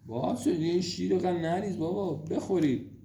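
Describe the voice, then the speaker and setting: A man at home at night, gently and affectionately coaxing his small daughter to go to sleep. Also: high-pitched, vocal fry. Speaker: father putting his toddler to bed. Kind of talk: casual talk with a small child. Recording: roomy room with faint noise.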